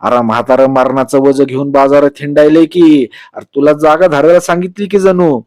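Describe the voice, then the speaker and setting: A rustic village neighbour, as a man reading a story puts him on, loud and scolding as he calls out to a boy. His talk is blunt and countrified. The recording is dry and close. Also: a little high, fairly even intonation, normal speed, no echo, lightly acted.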